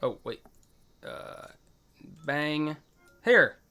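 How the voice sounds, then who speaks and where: A man's voice: fairly high pitch, sing-song, extremely slow. A man giving casual playthrough commentary as a gaming host, muttering to himself and pleased with his own progress. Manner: self-congratulatory, mutters to himself, swears casually. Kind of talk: casual game playthrough commentary, reading dialogue aloud. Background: soft music.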